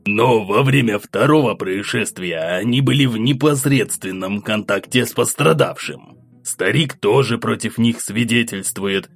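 A man doing a gruff, gravelly angry count. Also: on the low side, a little slow, soft background music, heavily acted. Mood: angry grumbling. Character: gruff angry middle-aged male count, a father.

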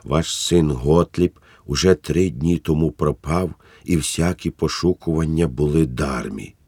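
A man narrating a classic novel as an audiobook in a measured, even way. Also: extremely low pitch, husky, dry recording, clean studio sound.

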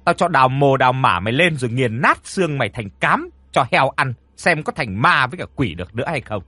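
A man's voice: mid-range voice, animated, fairly quick, pushed and bright, dry recording. A man voicing a harsh older landowner's wife who screams and scolds her servants. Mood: furious shrieking.

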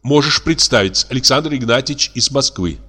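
A man reading a play aloud, voicing a calm, sensible elder sister who speaks gently. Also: medium pitch, normal speed, slightly rough. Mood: gentle.

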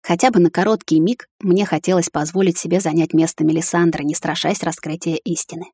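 A woman narrating a first-person romance story in an intimate, even way. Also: lowish voice, fairly quick, husky, dry recording, clean studio sound. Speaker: audiobook narrator.

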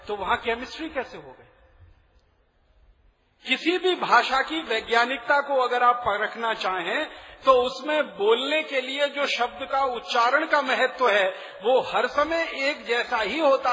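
A man's voice: very high voice, sharp tone. A man giving a public lecture, arguing rhetorically, asking the audience questions and spelling words out letter by letter. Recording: lecture hall with long reverb.

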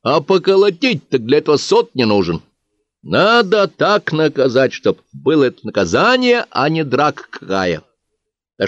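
Casting: male reader as a pompous hunchbacked village bookkeeper, raised voice, lively delivery. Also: fairly high pitch, dry recording, voice pushed up. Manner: bossy, questioning, pleased with himself. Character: stern hunchbacked village bookkeeper, man, middle-aged. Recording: dry, slightly dull audiobook recording.

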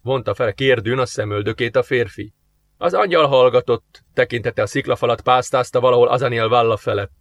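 A man narrating an audiobook in a steady, measured reading voice. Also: mid-range voice, no room sound. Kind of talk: scripted narration.

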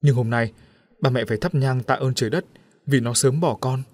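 Man doing a calm caring dad, reassuring, mid pitch, dry close mic. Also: normal speed, dry recording, close to an everyday voice. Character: steady, caring middle-aged father.

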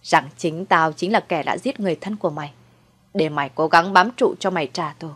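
A woman's voice: on the low side, a little fast, fairly bright tone, slightly rough. A woman voicing a scheming, cruel old mother-in-law in a storybook reading, coldly mocking. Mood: contemptuous. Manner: mocking, sweetly cold then shrieking.

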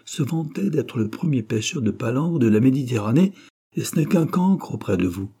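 A man's voice: medium pitch, expressive, normal speed, warm tone, slightly rough. A man reading the lines of a sly, gallant old male bandit in an audiobook, with a wheedling, knowing tone.

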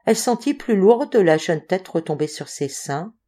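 Mellow-voiced woman reading a novel. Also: fairly low pitch. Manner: measured, expressive reading. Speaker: audiobook reader. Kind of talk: literary audiobook narration.

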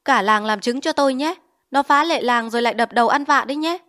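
A woman voicing a hot-tempered middle-aged village chief who shouts orders in an audiobook. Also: a little high, fairly quick, lightly acted. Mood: defiant. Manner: shouting, bossy.

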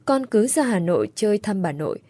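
A woman voicing an older father who speaks in a calm, measured, sorrowful way. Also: mid-range voice, no echo. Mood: reassuring.

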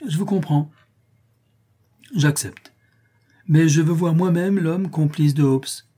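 A man's voice: fairly high pitch, takes it slowly, dark tone, slightly rough, pitched above the performer's own voice. A man reading a wary, calculating heir. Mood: firm.

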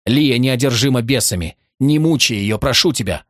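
A man's voice: mid-range voice, normal speed, fairly bright tone, no echo, lightly acted. A man voicing a desperate young woman who pleads urgently for her friends, in a dry audiobook recording. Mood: pleading.

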